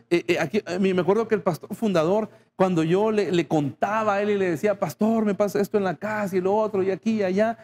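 A man's voice: high voice, a little mellow, slight background noise. A male pastor preaching a sermon, speaking straight to the congregation and acting out short dialogues. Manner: addresses the congregation directly, acting out little dialogues.

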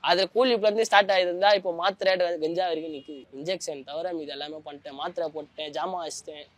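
A man's voice: a little high, steady tone, fast, no echo. A young man, giving a colloquial personal account as a former prisoner, often trailing off as he searches for words. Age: young adult.

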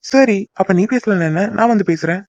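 A man's voice: sits high, fairly quick, a little mellow, no echo, lo-fi sound, close to an everyday voice. A young man voicing a teasing, devoted boyfriend in a cartoon, coaxing and joking. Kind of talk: cartoon voice acting.

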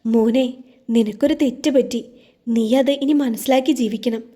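A woman's voice: a little high, moderate pace, warm tone, close to an everyday voice. A woman voicing a caring middle-aged mother who comforts her daughter-in-law with earnest, soothing pleading in an audio story. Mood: tender, firm.

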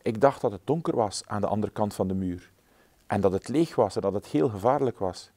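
A man's voice: fairly low pitch, brisk, warm tone. A man voicing a small, curious female mouse in a storybook reading, eager and wondering.

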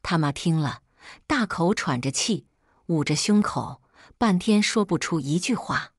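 A woman's voice: on the low side, expressive, measured pace, no room sound, studio quality. A woman reading a first-person family quarrel story in a scripted, dramatic storytelling way.

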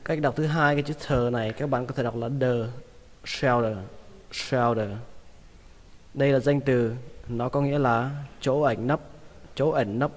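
A man teaching English vocabulary, repeating each word slowly and patiently. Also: medium pitch, steady tone, in a large hall. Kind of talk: vocabulary lesson.

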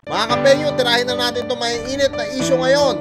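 A young Filipino man hosting a reaction video, energetic and mocking, often laughing. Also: very high voice, fast, loud music behind the voice. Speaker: reaction vlogger.

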